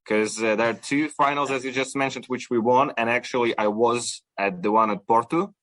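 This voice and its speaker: A young man from Ukraine, a supporters club guest, chats on a casual podcast interview at normal speed. His mid-range voice is a bit bright, free of echo, and he uses many fillers and restarts.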